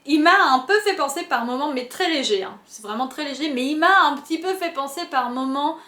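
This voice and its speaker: A woman's voice: high voice, lively intonation, brisk, pushed and bright, roomy sound. A young woman giving casual, rambling book recommendations for her channel, with a chatty, self-mocking manner. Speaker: book vlogger.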